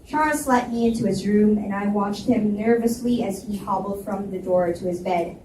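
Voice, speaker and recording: Her voice is mid-range and her speed is normal as this woman narrates a first-person story at a live indoor library reading. Faint noise, room echo, and a far-off mic color the recording.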